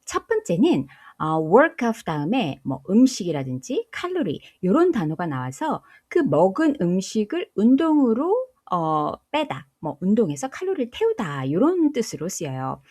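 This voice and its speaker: A woman teaching English phrases in a relaxed, conversational way. Her pitch moves around a lot as she explains. She fills gaps with small hesitations and slows down carefully whenever she gives an example. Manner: chatty, with many fillers, slowing to spell out English examples. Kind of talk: casual explanatory lesson.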